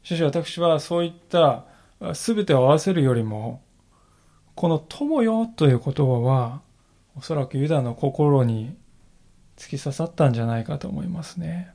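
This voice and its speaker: Earnest higher-voiced male pastor preaching. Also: creaky, mellow. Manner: earnest, reflective preaching with emphatic slowed phrases. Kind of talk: sermon.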